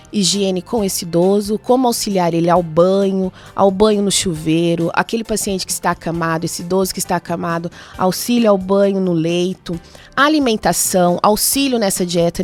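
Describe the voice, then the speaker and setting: A woman's voice: fairly low pitch, a little mellow. Brazilian woman explaining patiently. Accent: Brazilian Portuguese. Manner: explanatory, lists points with frequent tag questions. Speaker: nurse, studio guest. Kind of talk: radio interview answers. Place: radio studio.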